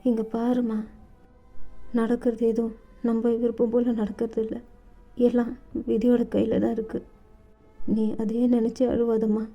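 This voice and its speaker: A woman voicing a grieving mother who speaks softly and steadily to comfort a young woman, in a storybook reading. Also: a little high, natural voice. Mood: gentle. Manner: soft, steady, soothing. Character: gentle grieving mother, calm and consoling. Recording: dull lo-fi recording with faint music.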